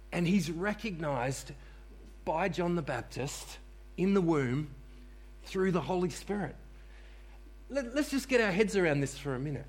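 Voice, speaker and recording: A man's voice: a little high, husky. A man preaching a sermon to a congregation in church, repeating key phrases for emphasis and calling on listeners to respond. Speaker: pastor.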